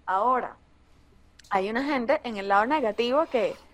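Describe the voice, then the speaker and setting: A young woman comedian with a Venezuelan accent talks in an easy, conversational way. Her voice sits a little high, and she is blunt, profane and quick with asides. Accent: Venezuelan Spanish. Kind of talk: casual podcast conversation.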